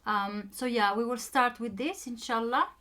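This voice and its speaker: Speaking at a moderate pace, a young woman with a slightly high, sharp-toned voice recounts her story in a relaxed chat. She's a native Romanian speaker with the accent to match, and she hesitates a lot, with many ums and false starts.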